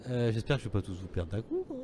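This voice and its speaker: A man's voice: fairly low pitch, wildly swooping pitch, quick pace, background noise. A man running an online tabletop game as game master, casual and teasing, swearing freely. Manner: casual, swears, teases players.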